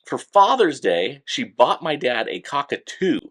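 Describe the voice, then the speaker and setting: Animated man telling funny pet stories. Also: medium pitch, measured pace, husky. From California. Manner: animated, laughs often, acts out quotes. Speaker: podcast co-host. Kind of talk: casual storytelling chat.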